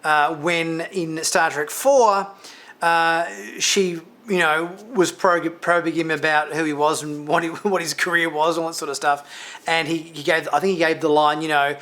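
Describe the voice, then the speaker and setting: Higher-voiced man giving a rambling review. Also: level tone, moderate pace, sharp tone. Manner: rambling, with many fillers and restarts and light laughs. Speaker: TV review channel host. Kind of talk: casual spoken episode review.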